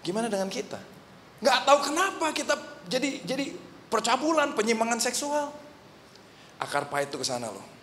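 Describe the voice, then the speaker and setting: Male Indonesian pastor, animated sermon with questions to the congregation, fairly high voice, recorded with long church-hall reverb. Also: fairly quick, long pauses, a little hiss or hum. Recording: echoey hall reverb, faint ambience.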